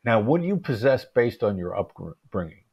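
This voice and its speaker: A man as an interview guest, explaining calmly and in measured terms, with occasional restarts. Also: fairly low pitch, creaky, slightly rough, muffled recording. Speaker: interview guest, negotiation expert.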